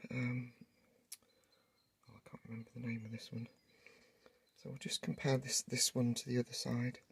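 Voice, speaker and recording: A hobbyist with a wheezy, husky voice narrates workshop work casually. The delivery is halting and full of thinking aloud, with a gravelly creak from a sore, hoarse throat. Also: mid-range voice, a little mellow. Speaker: host of a hobby workshop channel.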